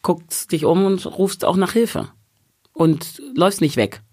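A woman talking as a guest on a podcast, emphatic and animated, acting out the exchanges she retells. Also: lowish voice, slow pace, dry recording, clean studio sound. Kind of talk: casual podcast conversation.

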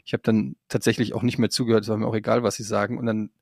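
A man's voice: lowish voice, very fast, vocal fry, no echo, studio quality. A man chatting on a podcast, recounting an anecdote with lots of restarts and fillers and getting worked up as he goes. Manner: animated anecdote-telling, many restarts and fillers; gets worked up while recounting. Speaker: podcast co-host telling a story. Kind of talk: casual chat.

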